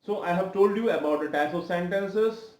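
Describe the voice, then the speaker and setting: A man with an Indian English accent teaching English grammar in a slow, deliberate lecture style, repeating key words and slipping into Hindi asides. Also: high-pitched, reverberant, rough recording. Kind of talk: video lesson lecture.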